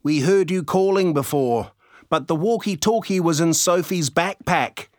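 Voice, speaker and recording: A man voicing an excitable young boy playing secret agent, talking eagerly. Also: a little high, unhurried, no echo, clean studio sound, pitched above the performer's own voice, close to an everyday voice.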